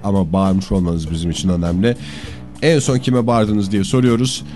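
A man's voice: low voice, steady tone, moderate pace, mellow, faint music behind. A man hosting a morning radio show, announcing a call-in contest and chatting with callers. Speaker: radio host.

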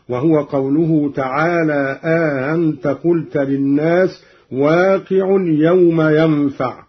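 Middle-aged egyptian sheikh teaching quran readings, husky voice, chants examples in between, muffled old radio sound. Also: male voice, a little high. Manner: measured explanation broken by chanted recitation examples. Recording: dull lo-fi old radio recording.

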